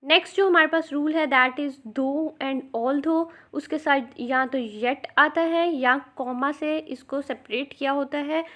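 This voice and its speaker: A woman teaching English grammar rules in a recorded lecture for test preparation, repeating each rule and dictating example sentences slowly. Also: sits high, fairly even intonation, a bit bright.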